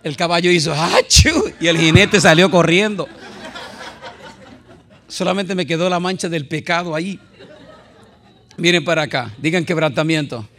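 Gravelly-voiced joking preacher man. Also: on the high side, normal speed, pauses often. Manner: animated, jokey, shouts and laughs at times. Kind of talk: lively sermon with jokes and anecdotes.

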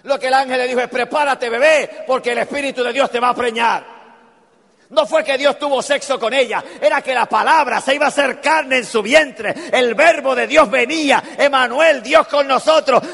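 A man's voice: very high voice, vocal fry, fairly bright tone, husky. A man preaching a sermon with theatrical storytelling and rhetorical questions to the congregation. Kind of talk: animated sermon. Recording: reverberant church hall, faint music.

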